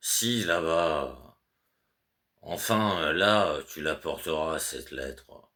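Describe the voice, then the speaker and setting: A man with an extremely low-pitched voice reads an audiobook aloud, voicing a fussy, anxious middle-aged clerk. Using lively intonation, drawn-out words, and a sharp tone, he fully performs the character, who is flustered and insistent, stammers, repeats fillers, and over-explains his orders.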